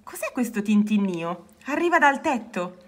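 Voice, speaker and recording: Gentle male bear voiced by a woman, soft-spoken, kind, storybook. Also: medium pitch, very animated, moderate pace.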